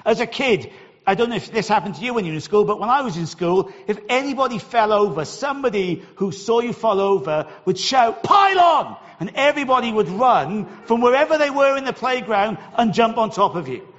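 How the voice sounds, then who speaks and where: A man's voice: sits high, expressive, fairly quick, fairly bright tone, long reverb tail, highs cut off. A middle-aged Welsh man preaching a sermon, telling a personal story in a chatty way and often repeating his first words. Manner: conversational storytelling, repeats words when starting.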